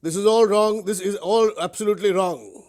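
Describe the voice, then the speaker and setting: A man's voice: high-pitched, normal speed, close to an everyday voice. A man with an Indian accent playing an indignant, self-important political spokesperson in a satirical mock news interview. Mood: aggrieved. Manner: indignant, deadpan, insistent.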